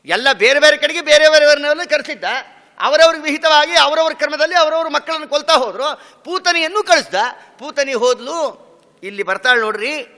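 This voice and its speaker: High, bright-voiced man giving a discourse. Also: big-room sound. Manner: storytelling, asks questions and answers them, breaks into song. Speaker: swami giving a religious discourse. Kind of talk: devotional discourse with sung verses.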